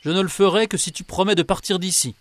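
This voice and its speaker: A man voicing an old male beggar with hidden powers, calm and threatening, in a storybook reading. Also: high-pitched, fast, no echo, pitched above the performer's own voice, close to an everyday voice. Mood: stern.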